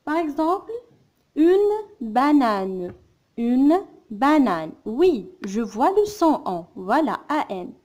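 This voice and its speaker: Slow deliberate teacher lady, higher voice, says every syllable twice. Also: very animated, mellow. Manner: sounds out words slowly, repeating syllables. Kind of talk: slow, careful phonics lesson.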